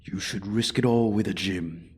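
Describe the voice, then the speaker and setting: In a slow, theatrical fantasy ASMR roleplay monologue, a man plays an ancient, arrogant male dragon guarding his hoard. His deep voice is husky, breathy and darkish, often sinking to a whisper. He sounds taunting, haughty, deliberate and coldly threatening.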